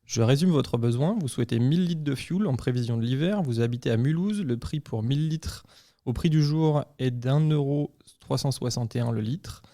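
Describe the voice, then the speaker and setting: A man voicing a polite AI voice assistant in a half-robotic, even and courteous way, as a role-play in a podcast. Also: medium pitch, moderate pace, close to an everyday voice. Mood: polite, helpful.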